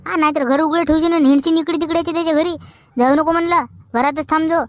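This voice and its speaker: Woman as a high, teasing Vidarbha village girl, dry mic. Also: steady tone, fast talker, no echo, faint music behind. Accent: Vidarbha Marathi. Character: bold young village girl. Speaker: comedy actor. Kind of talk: rural comedy sketch acting.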